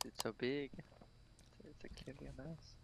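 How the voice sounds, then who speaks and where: A man's voice: mid-range voice, fairly even intonation, moderate pace, gravelly, noisy background. A man chatting and teasing his friend during a game, often breaking into laughter. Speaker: game player. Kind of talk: casual gaming banter.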